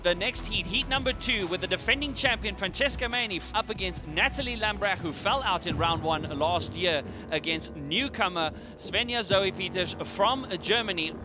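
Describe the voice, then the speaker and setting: An excitable male commentator with a high voice calls the action in quick bursts and often breaks into shouts. Loud music plays under his commentary throughout. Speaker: event commentator. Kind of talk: live sports commentary.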